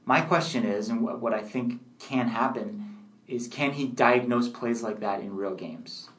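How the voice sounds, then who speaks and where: A man co-hosting a casual sports talk show, measured and analytical, leaning on "you know" fillers. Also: medium pitch. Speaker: sports podcast co-host.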